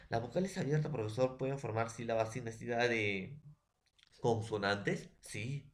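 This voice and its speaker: This mid-range voice belongs to a secondary school language teacher from Peru, speaking with a Peruvian Spanish accent in a recorded lesson. He breaks words into syllables as he spells them and repeatedly uses tag questions to confirm the class is following.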